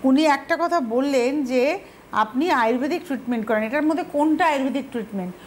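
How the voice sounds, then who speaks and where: A woman's voice: high-pitched, a little fast, slight background noise. A woman hosting a health phone-in show, guiding the talk firmly and politely questioning callers. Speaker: TV show host.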